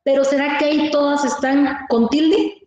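A woman teaching a class over a video call, explaining slowly and asking her pupils questions. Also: sits high, fairly even intonation, darkish tone, highs cut off. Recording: very echoey room with faint noise.

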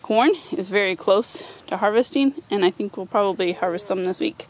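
Here a thirtysomething woman vlogs a casual, playful walk through her backyard vegetable garden, sprinkling in informal asides. Her mid-range voice moves a little fast. It's a rough recording from an outdoor handheld camera microphone, with noticeable ambient noise.

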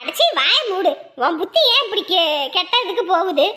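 A comforting village woman, played by an actress in a rural drama, speaking in a very high voice. She laments the trouble, then reassures and scolds in a firm, caring manner. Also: very animated, moderate pace, bright, forceful tone, full character voice. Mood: reassuring. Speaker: neighbor older-sister figure. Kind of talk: rural Tamil drama acting.

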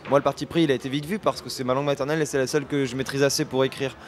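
Speaking very fast in a steady, mid-range voice, the band's singer and lyricist, in his thirties, stumbles through interview answers with many restarts. The setting is a festival radio booth with a sponsor backdrop and soft background music, and the host holds the handheld radio mic.

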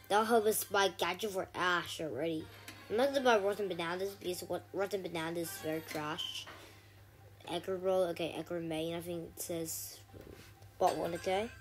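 A woman giving casual gameplay commentary, chatty with frequent ums and sudden excited shouts. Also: fairly low pitch. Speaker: gaming channel host.

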